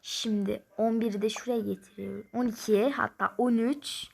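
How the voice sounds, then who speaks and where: A woman's voice: on the high side, steady tone, normal speed, vocal fry, husky. A young woman playing a mobile number game, commenting casually and grumbling in frustration as she counts numbers aloud.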